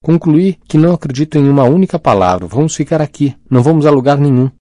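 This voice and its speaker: A man voicing a blustering middle-aged uncle who rants and shouts in an audiobook reading. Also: fairly high pitch, lively intonation, fast, no echo, clean studio sound, pitched above the performer's own voice, close to an everyday voice. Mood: scornful. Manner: shouting, ranting.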